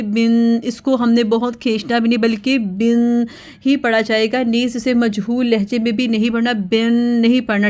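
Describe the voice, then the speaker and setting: A woman teaching children to read the Quran, drilling each syllable slowly and repeating it, with English words mixed in. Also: a little high. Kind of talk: children's lesson.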